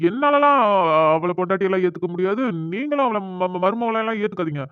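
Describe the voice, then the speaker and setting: A man's voice: high-pitched, animated, fast talker, smooth, no echo. A man voicing a sulky, stubborn young husband who protests and pleads in a cartoon, recorded with a thin, phone-like sound. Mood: indignant. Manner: whiny, protesting, exasperated. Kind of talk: cartoon voice acting. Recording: dry, phone-like narrow sound.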